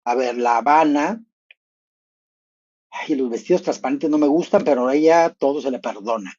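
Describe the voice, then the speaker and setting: A man gives a playful, gossipy live commentary. He thinks out loud and breaks into sudden high exclamations. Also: moderate pace, slightly rough, highs cut off.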